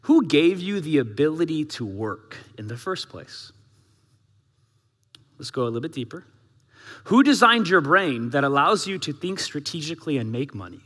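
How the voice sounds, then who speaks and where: A male pastor delivers a sermon at a moderate pace, his high, bright voice echoing with long reverb through a large church hall. He keeps it lively and conversational, peppering the congregation with rhetorical questions.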